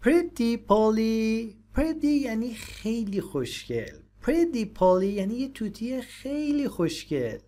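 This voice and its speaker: A woman with Persian as her first language, teaching English and patiently explaining phrases, repeating them slowly. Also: fairly high pitch, very animated, background noise.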